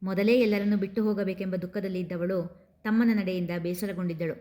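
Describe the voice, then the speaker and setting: A woman narrating a romantic family story in a steady, expressive reading voice. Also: mid-range voice, fast talker.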